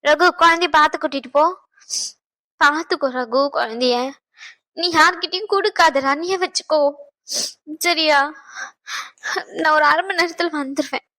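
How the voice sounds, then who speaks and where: A woman's voice: sits high, moderate pace, pauses often, pushed and bright. Woman voicing a tearful young mother. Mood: anxious. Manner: pleading, tearful. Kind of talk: cartoon dubbing.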